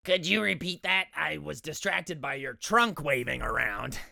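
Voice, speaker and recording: A woman's voice: sits low, expressive, measured pace, creaky, sharp tone, no echo, studio quality, full character voice. A woman voicing an eager, friendly male duck in a children's storybook reading. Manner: cheerful, hopeful. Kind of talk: storybook character voice.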